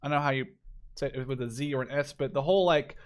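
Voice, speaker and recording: A man in his twenties from Canada talks fast at a medium pitch while making a gaming video. The commentary is casual and unscripted, full of rambling, free swearing and personal opinions.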